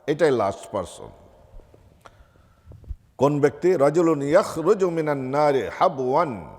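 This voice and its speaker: A man's voice: on the high side, darkish tone, long reverb tail. A man giving a sermon as a mufti in a mosque, asking his listeners rhetorical questions and reciting Arabic before explaining it. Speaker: mufti preaching. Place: mosque hall.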